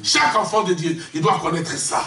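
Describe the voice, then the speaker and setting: A man from Congo preaching an impassioned sermon in French, shouting and calling out questions to the congregation. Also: high voice, brisk, crowd noise. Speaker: visiting preacher. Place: church hall. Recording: echoey church hall, distant mic, congregation responding. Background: congregation responses.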